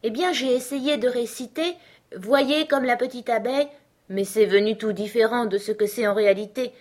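A woman's voice: a little high, normal speed, a little mellow, pitched above the performer's own voice, close to an everyday voice. A woman voicing a timid, polite young girl who talks hesitantly in an audiobook. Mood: earnest. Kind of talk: audiobook character reading.

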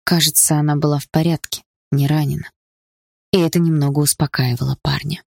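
A man reads a dramatic novel aloud in measured, steady sentences. His voice has a gravelly rasp and sits close and dry on the mic, with no room sound. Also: on the high side, dry recording. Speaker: audiobook narrator. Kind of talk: dramatic audiobook narration.

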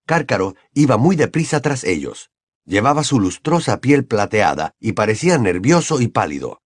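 A man's voice: mid-range voice, moderate pace, slightly rough, no room sound, studio quality. A man narrating an audiobook expressively. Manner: expressive storytelling.

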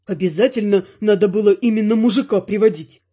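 A woman's voice: medium pitch, a little fast, warm tone, husky, lo-fi sound, pitched below the performer's own voice, lightly acted. A woman voicing a young adult grandson who grumbles and reproaches his grandmother in an audiobook. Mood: grumbling.

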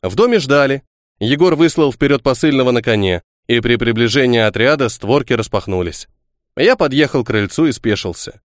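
A man reading an audiobook aloud in first-person narration, with lively storytelling. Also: mid-range voice, brisk, no room sound, studio quality.

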